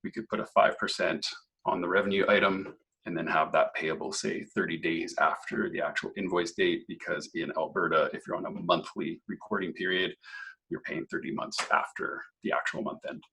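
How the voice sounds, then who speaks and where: A slightly hoarse man, presenting a software walkthrough webinar and explaining features step by step. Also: sits low, steady tone, a little fast, poor audio. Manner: explanatory, clears throat often.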